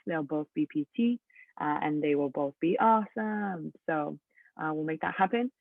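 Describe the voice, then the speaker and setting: A late-twenties teacher with a Californian English accent and a fairly low voice runs a casual online class, chatty and upbeat and full of ums and likes. Her audio is thin and phone-like over a video call, sounding dry and close.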